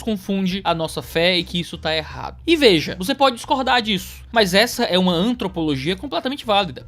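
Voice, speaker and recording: High-voiced Brazilian man arguing a point. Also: fairly bright tone. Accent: Brazilian Portuguese. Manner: argumentative, checks in with rhetorical tag questions. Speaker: commentator. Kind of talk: reaction commentary.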